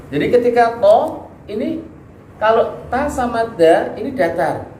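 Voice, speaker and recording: A man's voice: very high voice, animated, measured pace, a little mellow. A man teaching a Quran recitation class, patiently explaining letter articulation, asking students questions and demonstrating sounds. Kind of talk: tahsin lesson on letter articulation. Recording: echoey room, background noise.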